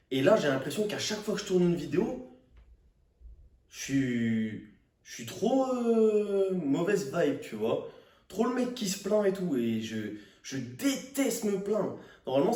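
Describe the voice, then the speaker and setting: A young man with a slightly high voice rants to camera like he is thoroughly fed up. His speech is casual, slangy and exasperated, with swearing. The microphone sits at a distance, and the room echoes around him. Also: a little mellow. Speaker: fitness vlogger. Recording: roomy echo, distant microphone.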